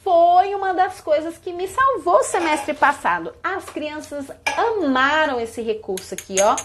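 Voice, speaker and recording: High, animated Brazilian teacher woman. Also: unhurried, noisy background. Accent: Brazilian Portuguese. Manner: animated, demonstrating with sung greetings and props. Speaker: early childhood teacher. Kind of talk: live-stream class demo for teachers.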